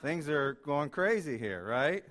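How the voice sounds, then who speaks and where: A man's voice: fairly high pitch, sing-song, takes it slowly, fairly bright tone. A man preaching in a church as guest pastor, emotional and self-deprecating, talking with many fillers. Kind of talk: sermon. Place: church sanctuary.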